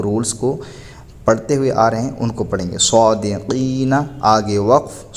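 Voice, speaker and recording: A man teaching a Quran reading lesson. He spells words out slowly, letter by letter, and patiently answers his own questions. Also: medium pitch. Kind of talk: recorded lesson.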